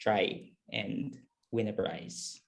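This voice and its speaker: A man's voice: fairly low pitch, fairly even intonation, extremely slow, vocal fry. A man with a Filipino accent casually hosting an online game, mixing Tagalog and English. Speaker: host of an online workshop game. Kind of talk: casual live event hosting. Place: video call.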